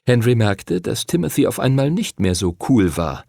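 An expressive male audiobook narrator reads a script in a mid-range voice at a moderate pace. The recording is clean studio sound with no room noise.

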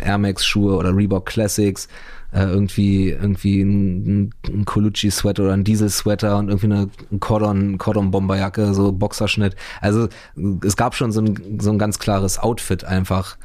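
A man's voice: on the low side, monotone, moderate pace, a little mellow, no room sound, clean studio sound. A man, chatting casually in a rambling, slangy way full of fillers. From Berlin, Germany. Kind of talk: casual chat.

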